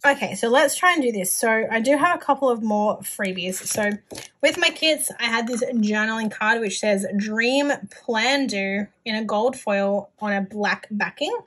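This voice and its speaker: Unhurried and on the high side, this young Australian woman's bright voice comes through a rough recording with a little hiss or hum. She casually presents a planner haul, gushing as she shows off what she bought.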